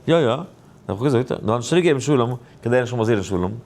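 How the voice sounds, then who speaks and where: A man, a rabbi, giving an animated Torah lesson in a sing-song way, now and then stretching phrases into a chant. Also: fast talker. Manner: lively, swings high and low. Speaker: rabbi teaching a daily Torah class.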